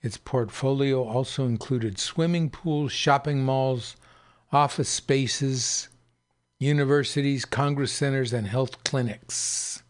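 A man hosting a radio show, reading aloud and commenting in a deliberate, emphatic way. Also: mid-range voice. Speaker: radio host.

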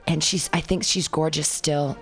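A woman's voice: low voice, fairly even intonation, normal speed, fairly bright tone, faint music behind. A woman in her forties chatting casually as a co-host, frank and crude, joking as she talks. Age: 40s. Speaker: podcast co-host. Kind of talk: casual chat.

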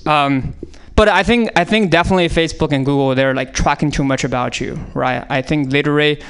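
A little fast and on the high side, this Chinese comedian's voice is a bit bright, clear, and resonant, with a Chinese accent. He riffs on audience prompts in a radio studio, rambling through improvised bits with plenty of fillers and restarts.

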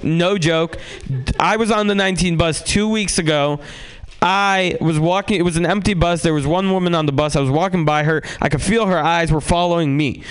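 Rambling, profane stand-up comic. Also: male voice, clear, resonant tone. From San Francisco, USA. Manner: rambling, profane, swings between loud outbursts and low mutters. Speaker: stand-up comedian. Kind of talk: stand-up comedy set.

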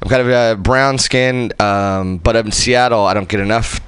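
A man's voice: on the low side, steady tone, normal speed, fairly bright tone, clean tone, no room sound. A man in his thirties from Southern California, chatting casually and self-deprecatingly as a radio guest. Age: 30s.

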